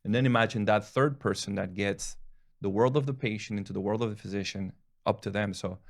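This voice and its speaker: His voice on the low side, gravelly and a little mellow, the Spanish-speaking family physician in his thirties talks loosely to camera as he answers questions, with restarts and chuckles. The clean studio recording has no room sound.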